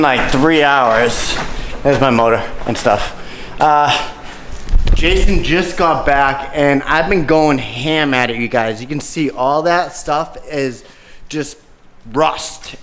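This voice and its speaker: A young man with a slightly high, somewhat bright voice talks viewers through a car repair in his home garage, which has a car lift. He's loose and slangy, and the garage echoes with some faint noise.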